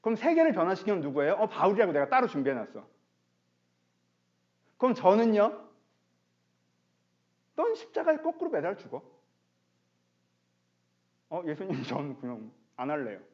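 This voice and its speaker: A man's voice: high voice, sing-song, moderate pace, long pauses, darkish tone. A man voicing a disappointed disciple who asks plaintive, complaining questions. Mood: whining. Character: whiny, disappointed disciple Peter. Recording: dull lo-fi online stream.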